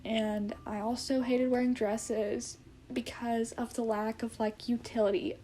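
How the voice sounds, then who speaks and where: A woman's voice: on the high side, flat delivery, unhurried, mellow, slight background noise. A woman in her twenties chatting casually to camera, hesitant and rambling, often correcting herself as she goes. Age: 20s. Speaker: vlogger. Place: indoor room at home with plants.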